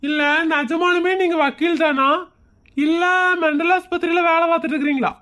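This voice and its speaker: Man acting, exasperated sarcastic husband, Kongu Tamil accent, high voice, mocking complaints, comedy skit. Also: steady tone, brisk, fairly bright tone. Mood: mocking doubt. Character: exasperated, sarcastic husband who mocks everyone around him.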